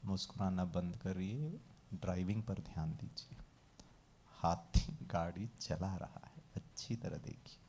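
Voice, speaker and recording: Man talking thru a guided visualization real slow, calm and measured, faint hiss behind. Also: sits low. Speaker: meditation trainer.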